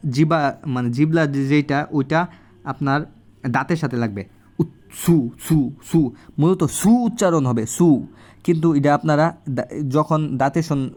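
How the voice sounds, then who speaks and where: Guy teaching at home on his phone, says each sound over and over as he writes, mid pitch. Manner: repeats syllables slowly while writing. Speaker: language teacher. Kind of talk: casual handwriting lesson. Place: home room.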